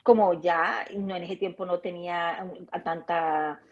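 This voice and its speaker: A woman guest telling her story in a casual, animated way, acting out the dialogue of her anecdotes. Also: on the low side, measured pace, muffled recording. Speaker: interview guest.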